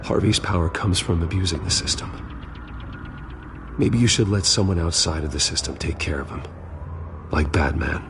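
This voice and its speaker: A man's voice: deep voice, expressive, normal speed, creaky, long pauses, music in the background. An actor playing a brooding, steely and persuasive rich man in a video game. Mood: serious.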